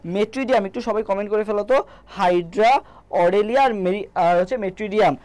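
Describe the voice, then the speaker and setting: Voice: medium pitch, brisk, a little mellow. A biology tutor with a Bangladeshi Bengali accent, teaching a live online class and asking questions that they answer themselves. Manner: quizzing, asks and answers own questions; reads viewer names from comments.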